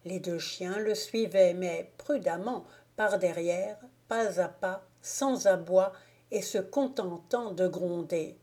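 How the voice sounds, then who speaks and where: A woman narrating a classic novel as a volunteer audiobook reader, in a slow, measured, soft-spoken way. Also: fairly low pitch. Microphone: home recording, volunteer reader.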